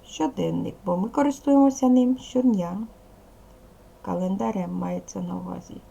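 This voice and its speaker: A woman with a Ukrainian accent, a primary school teacher giving a recorded lesson to young children in slow, clear instructions. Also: mid-range voice, dark tone, muffled recording.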